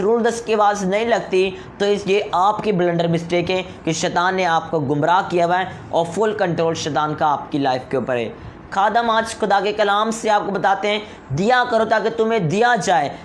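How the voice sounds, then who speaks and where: A man's voice: high voice, a little hiss or hum. A man preaching a sermon in an earnest, exhorting way, often asking rhetorical questions and answering them himself.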